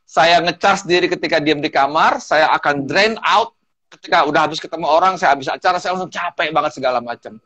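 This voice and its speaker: A man talking as a guest public speaking trainer, telling stories in a lively way and mixing in English phrases. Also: a little high, brisk. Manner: animated storyteller, mixes in English phrases. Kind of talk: casual talk-show chat.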